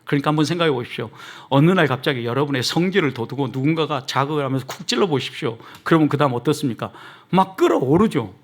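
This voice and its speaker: A man preaching a sermon as pastor, acting out quoted lines and moving between hushed asides and raised emphasis. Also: on the high side, animated, quick pace.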